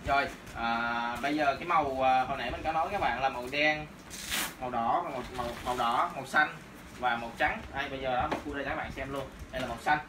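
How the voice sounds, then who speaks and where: A man's voice: medium pitch, fast. A young man presenting boxing gloves and hand wraps in a casual product demo, speaking loosely with many fillers. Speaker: martial arts shop presenter. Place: small room in a shop, indoors. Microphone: camera on tripod a few meters away. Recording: roomy, distant camera audio with noise.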